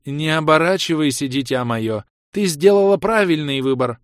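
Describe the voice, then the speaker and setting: A man reading an audiobook, voicing a bloodied undead woman with a grating, scraping voice and slow, drawn-out proclamations. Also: a little high, no echo, clean studio sound, voice pushed up, lightly acted. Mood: slow menacing.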